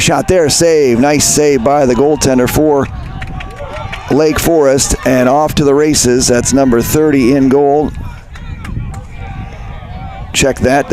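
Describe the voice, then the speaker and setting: A man's voice: mid-range voice, darkish tone, a little hiss or hum. Chatty male lacrosse announcer outdoors. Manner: chatty, self-correcting, conversational. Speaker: play-by-play announcer. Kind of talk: live lacrosse commentary. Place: outdoor high school field.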